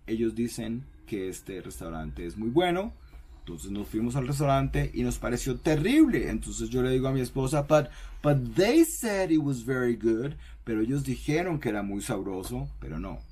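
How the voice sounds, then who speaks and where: A man's voice: mid-range voice, expressive, moderate pace, a little mellow, slightly rough. A man teaching an English lesson, repeating each word and often checking in with "ok?". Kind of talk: bilingual language lesson.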